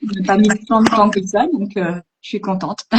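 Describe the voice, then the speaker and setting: A woman hosting a casual live interview over a video call, chatty and relaxed, with fillers. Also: medium pitch, measured pace, very noisy. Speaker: host.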